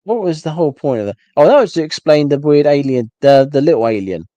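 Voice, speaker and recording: Guy ranting solo on a stream, mellow dark voice, dry close mic, keeps tripping over his words. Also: on the high side, expressive, fast talker, no room sound, highs cut off. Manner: rambling, stumbles and restarts, exasperated. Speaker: solo livestream host. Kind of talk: casual rant.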